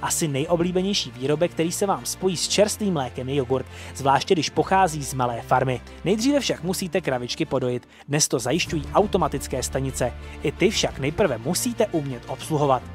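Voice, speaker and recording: A man's voice: a little high, faint music behind. A young man presenting an educational program in a formal, scripted narration. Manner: formal, even delivery.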